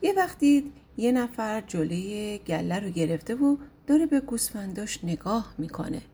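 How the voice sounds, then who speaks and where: Woman with a mellow storytelling voice. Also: medium pitch, big pitch swings, slight background noise. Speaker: audiobook narrator. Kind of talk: storybook narration.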